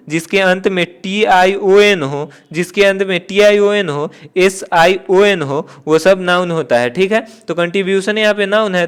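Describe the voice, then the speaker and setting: High-voiced man teaching exam grammar. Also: clean tone. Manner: explains step by step, asks and answers his own questions; repeats key points with "theek hai". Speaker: exam-prep English teacher. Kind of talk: classroom-style exam lesson.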